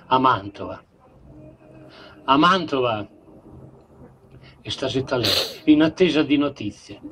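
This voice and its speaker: A man's voice: medium pitch, a little hiss or hum, rough recording. A man with a Romagnol accent, a comic storyteller who retells a classic love story on a live stage and playfully mixes dialect with standard speech. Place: outdoor village festival stage.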